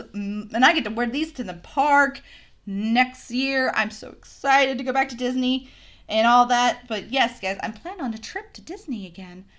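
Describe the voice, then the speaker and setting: A bubbly young woman talks straight to her viewers in a casual unboxing vlog filmed on a phone camera. Her voice sits high and swoops up and down as she gushes and chats. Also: a bit bright. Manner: bubbly, gushing, chatty with viewers. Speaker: unboxing vlogger.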